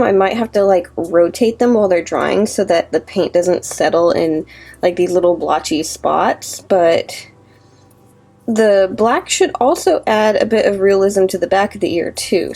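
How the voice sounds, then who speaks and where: A woman casually chatting and thinking aloud while she works on art in a vlog, sometimes dropping to a soft whisper, a little sniffly. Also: mid-range voice, recorded from a distance, low-quality recording. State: sniffly from allergies. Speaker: artist vlogger. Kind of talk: casual crafting vlog chat. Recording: voice a little off-mic, faint music behind.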